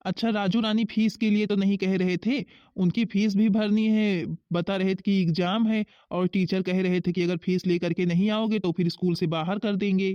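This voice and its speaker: A woman's voice: mid-range voice, steady tone, normal speed, few pauses, mellow, no echo, natural voice. A woman voicing a hardworking young husband in a cartoon, talking plainly and practically. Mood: worried. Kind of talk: Hindi cartoon voice acting. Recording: dull, muffled recording.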